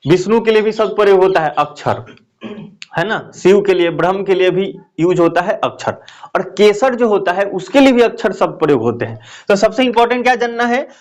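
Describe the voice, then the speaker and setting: Male teacher, high and animated voice, drills terms by repeating them and quizzing the class. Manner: explains slowly, repeats key phrases, asks students questions. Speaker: Hindi grammar teacher. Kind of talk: classroom lecture.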